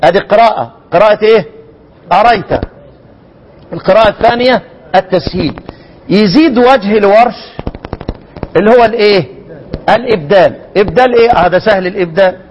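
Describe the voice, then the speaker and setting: A man with an Egyptian Arabic accent teaching Quran recitation in a lecture, repeating words slowly as examples and quizzing his students. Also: high voice, highs cut off, slight background noise.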